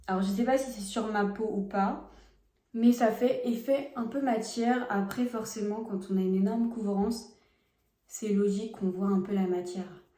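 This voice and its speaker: A warm, medium-pitched voice at normal speed carries some reverb as a young woman records a casual makeup test at home on her phone. She's a beauty vlogger, applying products and chatting openly with her audience.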